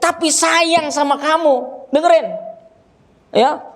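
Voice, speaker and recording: A man preaching a religious lesson to a gathering, animated and joking with the audience, acting out scolding parents. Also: very high-pitched, takes it slowly. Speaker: ustadz teaching a religious study group. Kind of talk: sermon. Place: gathering with children and fathers present.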